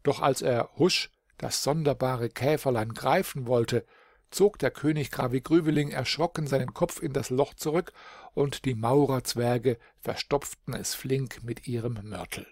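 Male audiobook narrator, calm measured fairy-tale reading, mid-pitched, dry close sound. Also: dry recording. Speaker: audiobook reader.

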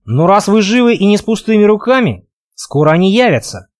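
Older professor, voiced by an audiobook reader, calm and mocking. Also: male voice, high-pitched, fairly quick, no room sound, studio quality, voice pushed up. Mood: cynical.

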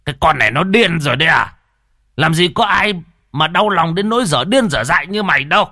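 A man voicing a hot-tempered old grandfather who scolds his daughter loudly. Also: on the high side, animated, fairly quick, dry recording, clean studio sound, pitched above the performer's own voice. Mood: furious. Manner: yelling, scolding.

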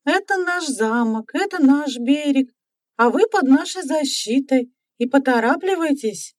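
A woman's voice: sits high, lively intonation, a little slow, darkish tone, no room sound, clean studio sound, pitched above the performer's own voice. A woman voicing a stern young female dragon who gives curt commands. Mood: commanding.

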